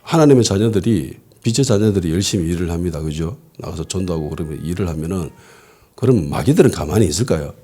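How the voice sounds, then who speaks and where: A man's voice: low-pitched, quick pace, husky. A man, a pastor preaching a conversational sermon and asking the congregation questions. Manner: lively, asks the congregation rhetorical questions. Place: church worship service.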